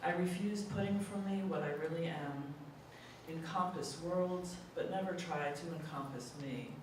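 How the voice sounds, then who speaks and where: A reader at a group poetry reading, delivering the verse deliberately and expressively. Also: medium pitch. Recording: echoey hall, mic far off, audible room noise.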